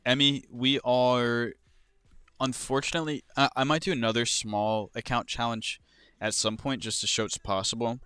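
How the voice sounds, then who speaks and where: Laid-back young man, crisp forceful voice. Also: medium pitch, fairly even intonation, normal speed, dry recording, studio quality. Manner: swears freely, reads out chat questions. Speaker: livestreamer and crypto trader. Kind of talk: casual livestream chat.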